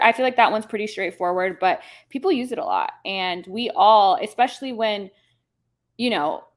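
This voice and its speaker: A woman hosts her own show and talks through ideas in a relaxed, conversational way. Her pitch sits in an ordinary middle range, and she often restarts and corrects her phrasing mid-sentence. She puts extra stress on key phrases to drive her points home. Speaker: podcast host. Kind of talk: casual explanatory talk.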